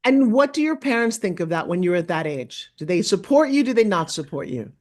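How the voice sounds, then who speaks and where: A woman's voice: medium pitch, big pitch swings, brisk, darkish tone. A middle-aged woman hosting a stage interview, upbeat as she introduces her guest and asks questions. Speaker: host.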